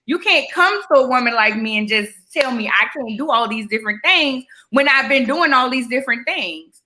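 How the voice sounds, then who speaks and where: A woman in her forties co-hosting a podcast, speaking frankly and personally in animated conversation. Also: a little high, normal speed, slight background noise. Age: 40s. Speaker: podcast co-host. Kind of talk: candid conversational chat.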